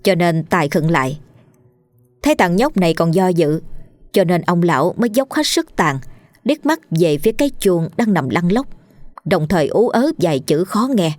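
A woman with a Southern Vietnamese accent narrating a ghost story in a lively, colloquial storytelling manner. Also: fairly low pitch, normal speed, no room sound.

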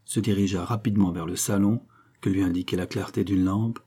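A man narrating an audiobook novel in a measured, dramatic storytelling manner. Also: sits low, fairly even intonation, mellow, husky. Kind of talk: scripted narration.

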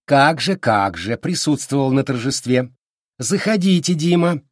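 A man's voice: on the high side, very animated, moderate pace, dry recording, clean studio sound, pitched above the performer's own voice. A man voicing a smug, balding older man with a thin, unpleasant voice and a mocking, falsely friendly manner.

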